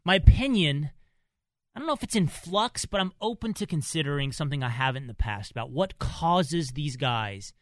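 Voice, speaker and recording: A man's voice: on the high side, expressive, normal speed, dry recording. A man hosting a radio talk show, chatting casually and joking with guests in the studio. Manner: joking, bantering, self-described country snob.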